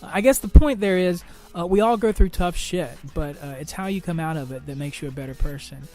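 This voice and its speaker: A young man hosts his podcast alone, telling personal troubles in a halting, restart-filled monologue and swearing freely. His voice sits a little high for a man. Faint music plays underneath. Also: darkish tone. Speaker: podcast host.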